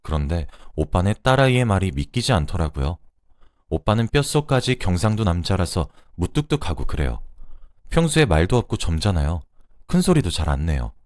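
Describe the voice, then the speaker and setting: A man's voice: low voice, big pitch swings, a little fast, darkish tone, no room sound, studio quality. A man narrating a first-person life story in an earnest, confiding way.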